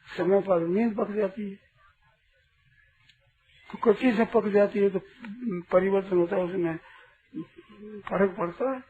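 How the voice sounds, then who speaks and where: A man with a high, warm voice addresses an audience as a teacher in a spiritual discourse, asking rhetorical questions and sternly correcting someone who questions him. The recording is tinny and lo-fi, with faint hiss.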